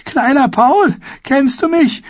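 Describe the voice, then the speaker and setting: A man voicing a fat, timid young man who is panicked and pleads in a shrill squeak. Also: lively intonation, normal speed, a little mellow, slightly rough, no room sound, muffled recording. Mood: terrified pleading.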